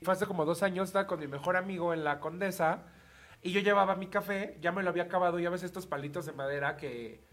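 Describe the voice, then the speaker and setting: A man with a Mexican accent, co-hosting a podcast and telling a story in an animated, joking way, swearing freely. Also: high-pitched, quick pace. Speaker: podcast co-host. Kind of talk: casual chat, storytelling.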